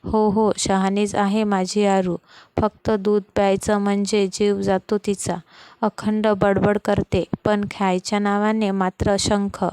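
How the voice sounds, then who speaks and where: A woman's voice: mid-range voice, little pitch movement, a little slow, darkish tone, smooth, no room sound, close to an everyday voice. Woman voicing a fussy caring older mother-in-law. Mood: fussing kindly. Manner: bustling, kindly scolding.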